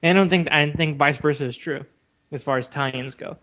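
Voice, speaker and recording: A man from a Western country, co-hosting a podcast, talks fairly quickly in a fairly high, fairly bright voice. He discusses his opinions casually yet assertively and emphatically, steering the conversation. The sound is dull and lo-fi.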